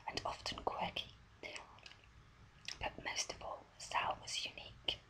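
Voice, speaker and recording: A voice whispering softly and breathily, reading a story aloud in a deliberate ASMR style, close to the microphone. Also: poor audio. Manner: soft, deliberate story reading with small stumbles.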